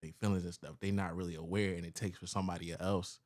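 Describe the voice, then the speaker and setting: A man's voice: deep voice, little pitch movement, fast talker, darkish tone. A man co-hosting a casual podcast, talking in a laid-back, slangy, rambling way. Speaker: podcast co-host.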